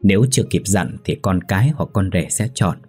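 A man's voice: sits low, animated, fairly quick, a little mellow, slightly rough, soft background music. A man voicing a stern old village ritual master who gives commanding instructions. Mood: instructive.

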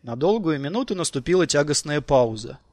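Lively male audiobook narrator. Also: a little high, fairly quick, dry recording.

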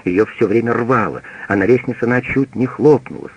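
A man's voice: mid-range voice, a little fast, highs cut off, a little hiss or hum, natural voice. A man doing a bitter old servant woman. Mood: accusing. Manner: accusing, bitter. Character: old embittered female servant, blunt.

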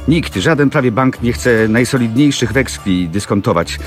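A ruined young mill owner, bitter and proud, his voice a little raised above the reader's own, as a man reads him aloud. Soft music plays faintly under the audiobook reading. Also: mid-range voice, animated, moderate pace, voice pushed up, lightly acted. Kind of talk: audiobook reading of a classic novel.

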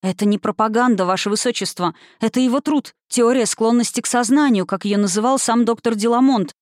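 Firm, defiant young woman played by a woman narrator, slightly raised pitch, dry booth sound. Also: a little fast, darkish tone, no echo, natural voice. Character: stubborn, earnest young woman student.

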